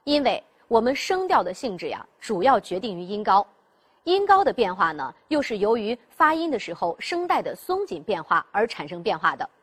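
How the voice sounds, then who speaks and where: A woman's voice: mid-range voice, sing-song, moderate pace, a bit bright, slightly rough. A woman teaching pronunciation in a classroom style. She explains step by step, asks the class rhetorical questions and demonstrates the sounds herself. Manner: demonstrates sounds by voicing them. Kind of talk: classroom instruction.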